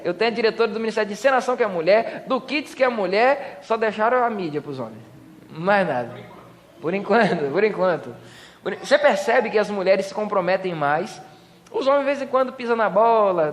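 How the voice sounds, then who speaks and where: A Brazilian man gives a joking sermon from a church pulpit. He has a high voice and acts out small scenes with playful voices. His voice rings with the long echo of a church hall. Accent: Brazilian Portuguese. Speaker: pastor. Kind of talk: humorous sermon.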